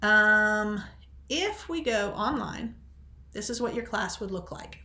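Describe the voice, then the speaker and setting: A woman's voice: mid-range voice, lively intonation, takes it slowly, sharp tone, roomy sound. A woman biology instructor talking casually in a recorded lecture, rambling and self-deprecating, a little short of breath.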